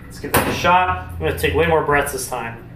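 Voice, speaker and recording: A man's voice: fairly high pitch, brisk. A man giving a casual, explanatory music lesson to camera, informally thinking aloud as he instructs. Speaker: brass instrument teacher demonstrating warmup exercises. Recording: roomy, distant mic with faint noise.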